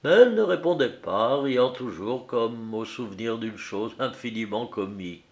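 A man narrating a literary short story in a measured, expressive reading. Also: medium pitch.

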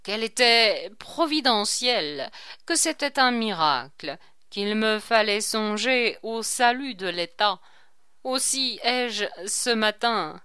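A woman's voice: a little high, expressive, slow pace, pushed and bright, smooth, dry recording, clean studio sound, heavily acted. A woman reading aloud, voicing a frightened, pious male king who speaks anxiously and solemnly. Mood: fearful.

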